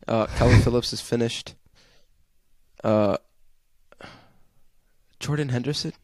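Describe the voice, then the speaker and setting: A man's voice: mid-range voice, takes it slowly, a little mellow, no room sound. A young man co-hosting a football podcast, blunt and casual, dropping the odd curse. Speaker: podcast co-host.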